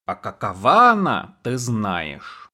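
A man's voice: fairly low pitch, huge pitch swings, slow pace, pushed and bright, exaggerated voice. Scheming queen-like woman, honeyed, mocking, audiobook figure, read by a man. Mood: sly. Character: scheming female ruler, sweetly menacing.

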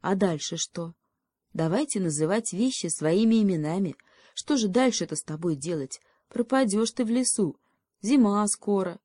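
A woman's voice: medium pitch, animated, normal speed, dark tone, no echo, clean studio sound, close to an everyday voice. A woman voicing a sensible, fretting male hedgehog who reasons things through aloud. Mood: worried. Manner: thoughtful, reasoning, sighing.

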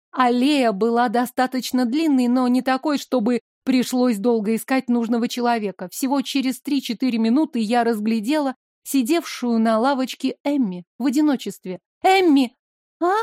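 A woman's voice: a little high, moderate pace, dark tone, dry recording, clean studio sound. A woman narrating a first-person novel as an audiobook reader, telling it steadily.

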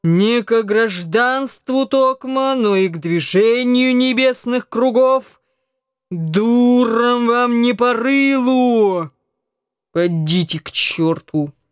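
A woman reading an audiobook, voicing a drunk, rowdy young male naval cadet who shouts hoarsely and chants in a slurred sing-song. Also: on the high side, slow pace, no room sound, clean studio sound. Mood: drunken bellowing.

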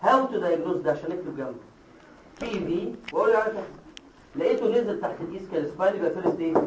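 A man with an Egyptian Arabic accent giving a classroom lecture, explaining step by step and quizzing his students with quick questions. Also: high voice, lively intonation, distant mic, noisy background. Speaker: medical lecturer. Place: lecture hall. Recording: echoey hall, taped from afar.

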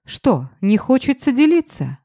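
A woman voicing a pushy, drunken ex-husband who talks cocky and loud. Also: a little high, very animated, measured pace, no room sound, studio quality, pitched above the performer's own voice, full character voice. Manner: boisterous, cocky.

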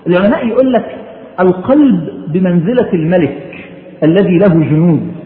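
A man's voice: high-pitched, animated, normal speed. A man with an Egyptian Arabic accent preaching a religious sermon in colloquial speech, exhorting listeners with emphatic rhetorical questions and recited quotations. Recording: tinny phone-like sound, echoey room, noise.

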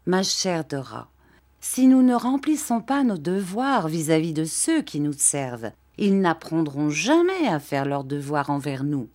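A woman's voice: deep voice, big pitch swings, measured pace, exaggerated voice. Woman reading as an earnest young husband. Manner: gentle, pleading. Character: earnest young husband, patient, gently reproachful. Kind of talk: audiobook reading.

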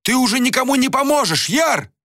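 A man voicing an anxious, loyal young friend who pleads and shouts in a strained high voice. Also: sing-song, moderate pace, breathy edge, no echo, studio quality, heavily acted. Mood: frantic. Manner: pleading, frantic, shrill when shouting.

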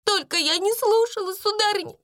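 Storybook role: a frightened young maid, sobbing and stuttering, voice pitched way up. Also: female voice, a little fast, fairly bright tone, no room sound, studio quality. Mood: sobbing, pleading. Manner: stammering, sobbing. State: crying. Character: young servant girl, timid and tearful.

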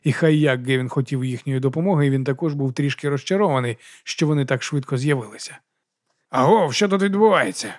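A man narrating an audiobook with steady storytelling delivery. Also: medium pitch, fast talker, few pauses, dry recording, studio quality. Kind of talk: scripted narration.

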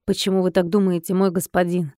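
A woman's voice: fairly low pitch, level tone, fast, warm tone, no echo, clean studio sound, lightly acted. A woman reading an audiobook and voicing a young male servant to a mage lord who speaks politely and deferentially.

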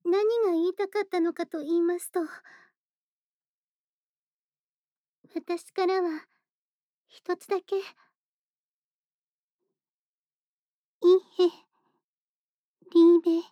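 A woman's voice: very high-pitched, little pitch movement, normal speed, mellow, no room sound, studio quality. A woman playing a shy, earnest young friend in an intimate bedtime role-play, speaking politely and thoughtfully with some hesitation. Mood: shy, tender.

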